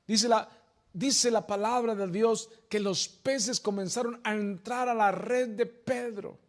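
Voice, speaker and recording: A male pastor preaching a sermon with fervent, repetitive exhortation that builds to loud emphasis. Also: high voice.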